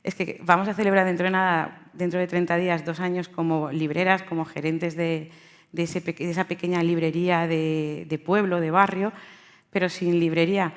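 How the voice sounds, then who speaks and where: Low-voiced woman, flat and hesitant. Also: moderate pace. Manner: hesitant, many fillers and restarts. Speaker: bookseller. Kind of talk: panel talk. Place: event hall.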